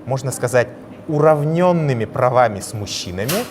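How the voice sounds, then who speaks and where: A man moderating a TV studio discussion, speaking in hesitant, halting phrases. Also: medium pitch, animated. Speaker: TV debate moderator. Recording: clearly noisy sound.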